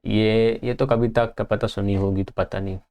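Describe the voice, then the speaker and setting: A man's voice: on the low side, level tone, normal speed, dark tone. A young man teaching an exam-prep lecture, reading notes aloud and then explaining them in a casual way.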